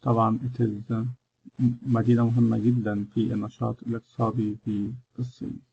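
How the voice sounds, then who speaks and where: Gravelly Egyptian man teaching English. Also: medium pitch, flat delivery, dark tone, lo-fi sound, a little hiss or hum. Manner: explains in English and Egyptian Arabic by turns, with many "uh" pauses. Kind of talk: recorded lesson over slides.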